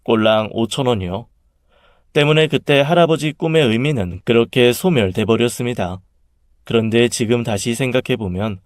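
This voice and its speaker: A man telling a first-person story in a calm, confessional manner. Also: mid-range voice, no echo, clean studio sound. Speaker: story narrator.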